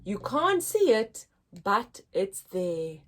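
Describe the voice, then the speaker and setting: A woman with a mid-range voice hosts a children's story time, reading a picture book aloud. Her delivery is expressive and deliberate, like a teacher speaking to young listeners.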